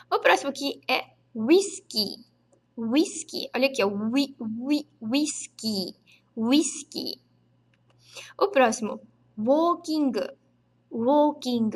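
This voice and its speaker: A woman teaching a casual online language lesson, patiently repeating each word slowly for learners. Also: fairly high pitch, a bit bright. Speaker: Japanese teacher.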